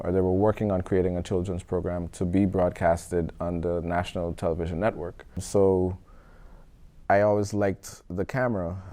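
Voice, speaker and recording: A man's voice: sits low, warm tone, no room sound. A young man from Guyana, a film student speaking earnestly and reflectively in a documentary interview. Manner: earnest, reflective, casual with many "like" fillers.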